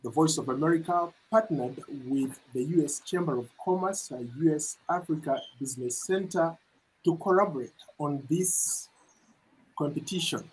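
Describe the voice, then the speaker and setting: A middle-aged man reporting and hosting a news interview, speaking in a measured way, with fillers when he ad-libs. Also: fairly high pitch, a little hiss or hum, poor audio. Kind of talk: broadcast news narration and interviewing. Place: studio with branded backdrop. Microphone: lapel mic.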